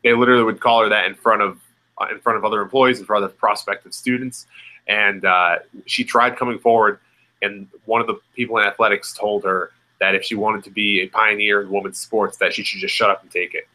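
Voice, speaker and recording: A young man co-hosts a casual podcast, his low voice cutting and bright. He speaks conversationally and hesitantly, pausing as he works through his points. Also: steady tone, low-quality recording. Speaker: podcast co-host. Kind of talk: casual chat.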